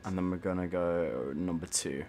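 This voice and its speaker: A man's voice: low voice, steady tone, moderate pace, music in the background. A young man giving let's play commentary on a desktop mic, swearing a lot with jittery nervous laughter. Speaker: gamer.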